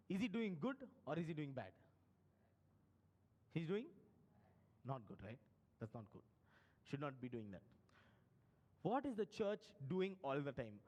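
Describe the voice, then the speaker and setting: A male pastor with a Telugu-tinged Indian English accent preaches a live sermon. His voice sits high and swings widely as he fires questions at the congregation and acts out voices. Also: darkish tone.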